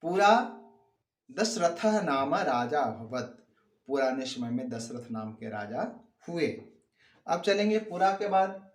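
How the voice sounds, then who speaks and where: Slow, echoey male Sanskrit teacher. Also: mid-range voice, lively intonation. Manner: reads a Sanskrit sentence, then gives its meaning in Hindi; repeats key words with rising emphasis. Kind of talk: classroom lesson explaining grammar.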